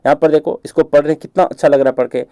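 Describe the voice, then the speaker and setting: A man teaching an exam-prep grammar lecture, explaining patiently, checking understanding with questions, and reading English examples slowly. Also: on the high side, fairly even intonation, mellow, no room sound.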